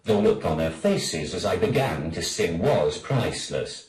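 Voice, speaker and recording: Brief: posh robot voice, low and lively, roomy and far off. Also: male voice, measured pace, slight background noise. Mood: deadpan. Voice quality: flat synthetic. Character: posh robotic text-to-speech man. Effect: synthetic speech voice.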